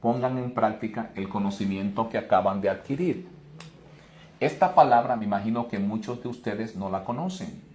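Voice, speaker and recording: A man's voice: lowish voice, a little mellow, slight background noise. A man teaching English pronunciation in an online lesson, explaining each rule step by step and praising viewers by name.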